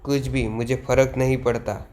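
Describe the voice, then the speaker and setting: A man reading the lines of a curt, impatient young male swordsman in a flat retelling of manga dialogue. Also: mid-range voice, normal speed, lightly acted.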